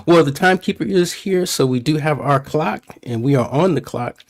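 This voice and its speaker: Relaxed chatty man hosting. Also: fairly high pitch, normal speed, rough recording. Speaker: fill-in host. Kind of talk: casual podcast chat.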